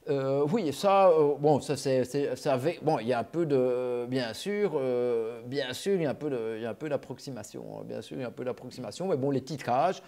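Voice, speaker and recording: A man's voice: mid-range voice, brisk, hardly any pauses, dark tone. A middle-aged man, a wine teacher answering viewers' questions on a live stream, full of fillers and restarts. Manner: hesitant, many fillers and restarts, chatty.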